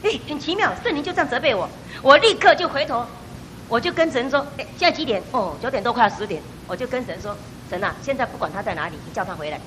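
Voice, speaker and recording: A middle-aged woman giving a personal church testimony, telling her story with animated storytelling and acting out the voices she quotes. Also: fairly high pitch, fast talker, a little hiss or hum.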